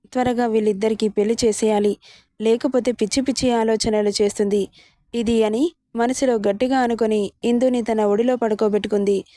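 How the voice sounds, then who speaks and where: A woman's voice: on the high side, warm tone, no echo, studio quality. A woman narrating a serialized story and reading every character's lines in her own voice. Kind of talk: scripted story narration with acted dialogue.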